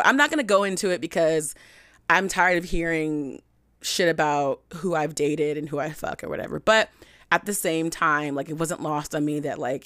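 A young woman hosting a podcast, telling a candid personal story in a frank, chatty way, full of "like" and animated swings in pitch. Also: no room sound, studio quality. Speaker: podcast host.

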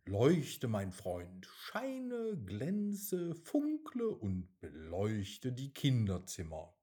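A man voicing a kind, worried star-keeper in a bedtime story, speaking gently and murmuring. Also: mid-range voice, wildly swooping pitch, drawn-out words, heavily acted. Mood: gentle. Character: kindly, worried old male star-keeper.

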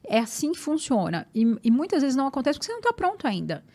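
A woman with a Brazilian Portuguese accent, a guest and marathon runner, telling her story in an animated, emphatic way and often repeating words. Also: high voice, fast talker. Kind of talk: personal storytelling in conversation.

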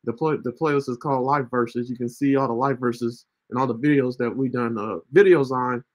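A man's voice: medium pitch, steady tone, fairly quick. Chatty thirty-year-old man streaming live. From United States. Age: 30s. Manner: chatty, repeats himself, keeps asking "right?". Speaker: ministry livestream host. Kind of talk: casual livestream talk.

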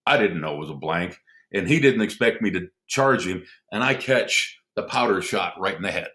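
A middle-aged man, a former airman, telling lively anecdotes in a casual conversation and chuckling often. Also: low-pitched, normal speed. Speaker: podcast guest, former military airman.

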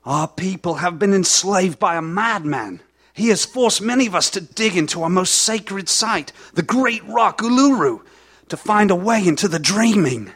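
Man doing a calm mysterious elder, high-ish voice, slow and knowing. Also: husky, full character voice. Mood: solemn. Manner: measured, solemn, knowing. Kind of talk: live audio drama acting.

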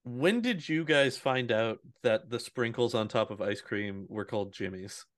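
A man with an average-pitched voice, co-hosting a podcast among friends. He chats loosely and laughs often. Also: measured pace, no echo, clean studio sound. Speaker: podcast co-host. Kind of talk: casual chat.

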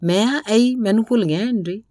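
A woman's voice: a little high, fairly quick, dark tone, no echo, clean studio sound, voice pushed up, natural voice. A woman doing an eager young male herder.

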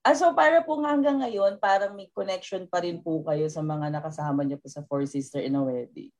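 A woman's voice: lowish voice, a little fast, a little mellow. A young woman hosting an interview, reading out fan questions politely with short respectful replies.

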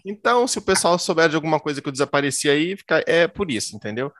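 A Brazilian man with a slightly high voice, recorded dry and close. He chats casually as a podcast co-host, joking in slangy street talk peppered with swearing. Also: expressive, fast, fairly bright tone, dry recording. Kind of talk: casual chat with joking anecdotes.

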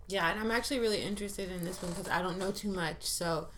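A woman's voice: lowish voice, fast, slight background noise. A woman on a casual podcast chat, teasing her co-hosts playfully. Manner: playful teasing, bright and animated. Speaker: podcast co-host.

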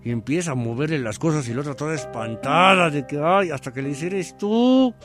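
A man's voice: fairly high pitch, quick pace, music in the background. A man with a Mexican accent, a podcast host telling a spooky story live in a slangy, playful, digressive way.

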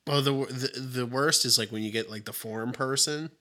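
A man co-hosting a podcast in casual chat, telling stories in a halting way full of fillers and restarts. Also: mid-range voice, pushed and bright. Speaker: podcast co-host.

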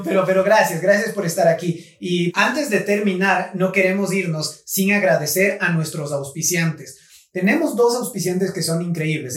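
A man, a Spanish speaker, co-hosting a casual podcast and plugging its sponsors. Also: high voice. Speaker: podcast co-host. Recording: roomy echo, faint music bed.

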